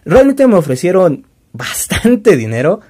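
Lively, chatty Mexican man. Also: high voice, measured pace, husky. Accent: Mexican Spanish. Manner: chatty, joking, self-deprecating. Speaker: toy-collecting channel host. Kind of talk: casual show-and-tell vlog.

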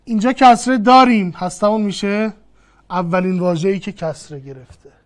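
A woman teaching grammar in an online lesson, with a voice of ordinary middle pitch. She is patient and methodical, stating a rule and then repeating it over several worked examples. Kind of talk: online lesson, explaining step by step.

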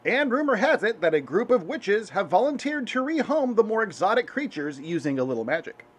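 A dry, matter-of-fact puppet news anchor, voiced by a man. His voice is high and animated, rising and falling through deadpan lines. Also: a little fast, husky, full character voice. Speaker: host. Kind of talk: comedic spoof news.

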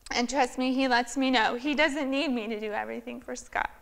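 Speaking briskly in a fairly high, creaky voice, a middle-aged woman gives her earnest personal testimony at a church women's gathering. She addresses the large sanctuary from a lectern, and a far-off camera records her heartfelt storytelling.

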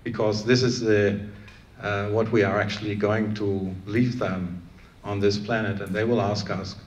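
Earnest lower-voiced man on a panel. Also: little pitch movement, measured pace, dull audio. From Iran, raised in Germany. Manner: earnest, many restarts and fillers. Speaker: panelist, plant scientist. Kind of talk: panel discussion answer. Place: conference room with audience. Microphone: handheld microphone. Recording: echoey room, faint room noise.

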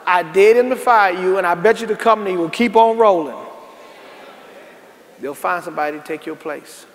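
A man with a high voice preaches at normal speed as pastor, folksy, calling out to the congregation and rising to emphatic bursts. It's set in a large sanctuary whose echoey recording carries faint noise.

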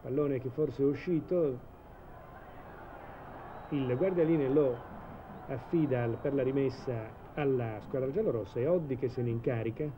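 A man giving measured live football commentary in a 1980s TV broadcast style, hesitating now and then mid-sentence. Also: medium pitch, dull audio. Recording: old TV broadcast, steady stadium noise.

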